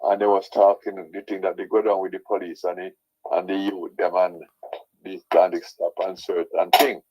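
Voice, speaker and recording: A man with a Jamaican accent and a husky voice, ranting as a caller to a radio show, insistently repeating his points with tag questions. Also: sits low, flat delivery, moderate pace, background noise. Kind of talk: opinionated radio call-in rant. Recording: dull lo-fi sound.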